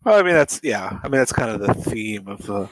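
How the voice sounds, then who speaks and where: A man's voice: on the low side, expressive, brisk, no echo. A man co-hosting a podcast, laid-back in casual chat, mostly chiming in agreement. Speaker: podcast co-host.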